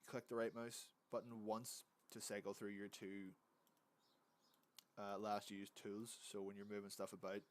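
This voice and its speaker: A fairly low, flat voice with little pitch movement and a measured pace belongs to a hungover man recording a casual animation tutorial at his computer. He rambles in an easygoing way and frequently corrects himself.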